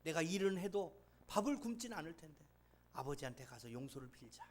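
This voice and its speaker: A man's voice: on the high side, very animated, brisk, darkish tone, a little hiss or hum. A man preacher voicing a hungry, remorseful younger son who talks himself into going home. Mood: resolving. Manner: pleading, talking to himself.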